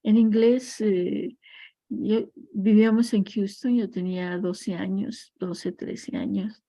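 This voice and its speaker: A woman takes her time teaching a class on family constellations, her mid-range voice steady and dark in tone. She reflects as she speaks and threads in parables and personal stories; the recorded lecture has no echo.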